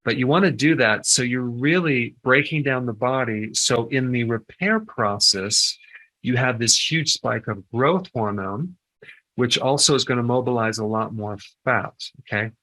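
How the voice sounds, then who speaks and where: An older man with a bright, forward voice gives a list of health tips in a loose, conversational way. He keeps checking in with the listener, asking "okay?" between points. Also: medium pitch, a little slow, rough recording. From United States. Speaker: health educator giving tips. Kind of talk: informal health advice talk.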